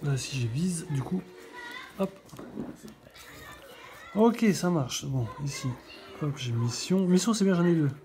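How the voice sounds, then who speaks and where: A middle-aged woman with a low, mellow voice talks her viewers through a scratch card. She thinks aloud in a relaxed, chatty way, checking letters one by one. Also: slow pace, pauses often, a little hiss or hum. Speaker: scratch-card video host. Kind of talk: casual running commentary while scratching.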